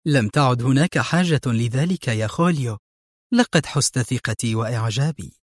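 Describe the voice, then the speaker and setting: A cunning female crime boss speaks quietly and coldly, read by a man. The voice is husky and close, with no room sound. It comes from a spoken audiobook thriller. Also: mid-range voice, lively intonation, normal speed, no echo, lightly acted. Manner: soft-spoken but menacing. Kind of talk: audiobook narration.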